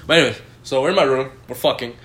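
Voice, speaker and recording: Fast-talking man telling crude stories. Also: medium pitch, fairly bright tone, reverberant, a little hiss or hum. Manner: laughing, storytelling, profane. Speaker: podcast co-host. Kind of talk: crude casual chat.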